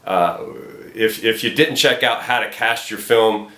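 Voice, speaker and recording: On the low side yet pushed and bright, his voice keeps a measured pace in a roomy, echoey recording. He's a film director casting an actor, conversational and encouraging during a casual phone call and talk to viewers.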